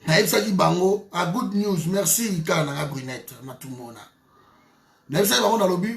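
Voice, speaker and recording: Male commentator, raised pitch, rough fry, heated monologue, echoey room. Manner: emphatic, repeats phrases, stumbles and restarts. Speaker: political commentator.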